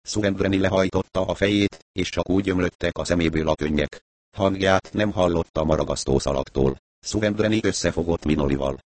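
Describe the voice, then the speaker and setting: A man reads a novel aloud in a calm, even storytelling manner. His voice sits very low. The recording is dry and close, with almost no room sound. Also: no echo. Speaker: audiobook narrator. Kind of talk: scripted first-person narration.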